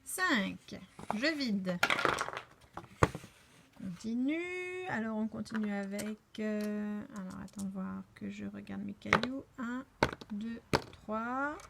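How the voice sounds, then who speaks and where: A woman teaching a remote preschool lesson in a French accent, sounding out syllables clearly and praising the children gently. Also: medium pitch, fairly even intonation, measured pace, heavy background noise. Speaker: kindergarten teacher.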